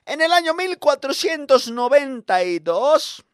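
A man's voice: extremely high pitch, sing-song, a little slow, no echo, studio quality, exaggerated voice. A man playing a strict, pompous male schoolteacher who scolds students and repeats himself.

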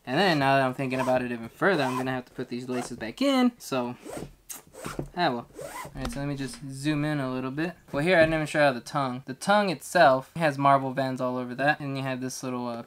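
A man casually reviewing a pair of shoes on his vlog, chatty and upbeat, laughing often as he talks. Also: medium pitch. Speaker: collectibles reviewer. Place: at home, then outdoors.

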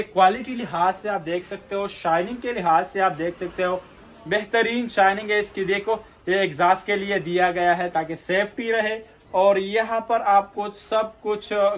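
A man's voice: high voice, a little hiss or hum. A young man selling and demonstrating a portable gas stove in his shop, talking in a casual salesy way and repeating "theek hai" to close each point. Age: young adult. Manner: salesy, says "theek hai" after nearly every point. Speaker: shop seller demonstrating products. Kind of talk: casual product demo. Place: indoor electronics shop storeroom.

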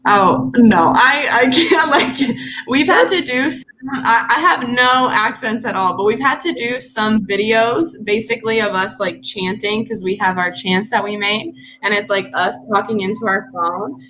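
A woman's voice: mid-range voice, normal speed, sharp tone, a little hiss or hum, low-quality recording. A young woman from Canada, a guest swimmer, chatting casually with lots of fillers and easy laughter. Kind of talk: casual chat.

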